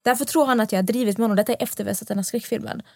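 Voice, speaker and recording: A young woman hosting a casual podcast, telling a story with lively quoted dialogue. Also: a little high, vocal fry, no room sound, studio quality. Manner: animated storytelling, acting out quotes. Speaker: podcast host.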